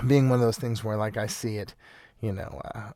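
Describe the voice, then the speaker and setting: A man's voice: lowish voice, steady tone, fairly quick, warm tone, no echo. A man hosting a casual solo podcast, rambling loosely with lots of "you know" and frequent laughs. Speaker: podcast host.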